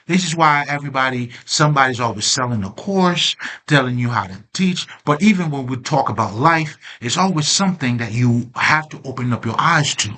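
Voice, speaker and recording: A man's voice: medium pitch, animated, brisk, hardly any pauses, pushed and bright. A man hosting a self-help channel, talking in a rambling, streetwise way with lots of slang and fillers, laughing often and openly emotional. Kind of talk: casual spiritual monologue.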